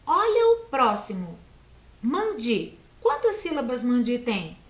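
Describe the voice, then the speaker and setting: A Brazilian woman teacher giving a video lesson to young children, patient and encouraging, sounding out words slowly. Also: a little high, very animated. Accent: Brazilian Portuguese. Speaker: primary school teacher. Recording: echoey room.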